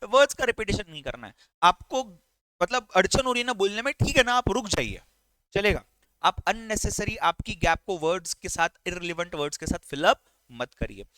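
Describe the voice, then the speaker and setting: A man's voice: sits high, dry recording, poor audio. A male teacher giving a recorded lecture. He talks animatedly and keeps checking that his students follow. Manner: animated, keeps checking understanding with quick questions.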